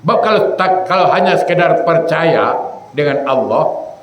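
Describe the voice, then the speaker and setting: A male preacher giving a sermon to a congregation. He keeps asking them questions and answering himself, and he acts out quoted speech in a low, slow voice. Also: animated. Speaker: ustaz preacher. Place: mosque prayer hall. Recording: echoey hall, distant mic, faint noise.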